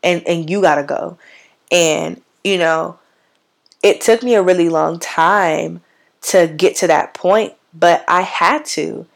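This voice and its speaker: A woman with a raspy, somewhat sick-sounding voice hosts a casual solo podcast. Her pitch sits on the lower side, and she talks bluntly, tossing in slang and emphatic asides. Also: slow pace. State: sick, hoarse voice. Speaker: podcast host.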